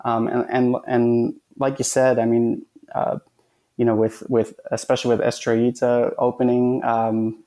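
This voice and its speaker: A man who runs food pop-ups, answering interview questions hesitantly with many "um" and "uh" pauses. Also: mid-range voice, dark tone.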